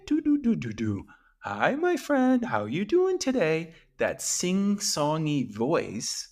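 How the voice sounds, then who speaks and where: A man hosting a solo talk show, calmly explaining ideas and slowing down to stress key points. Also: on the low side, vocal fry. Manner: calm and explanatory, with slow emphatic stretches. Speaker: podcast host and men's coach.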